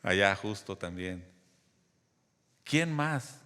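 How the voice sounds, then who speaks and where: A man's voice: sits low, animated, very slow, sharp tone, clean tone, long reverb tail. A man preaching a sermon, teaching in a conversational way and often asking the congregation questions. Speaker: pastor.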